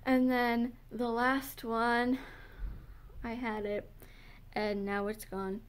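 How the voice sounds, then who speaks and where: A young woman chatting casually in a vlog, giggling often and filling pauses with "um", and she says she is losing her voice. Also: on the high side, level tone. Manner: giggly, filler-heavy, gushing. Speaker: vlogger. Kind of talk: casual chat.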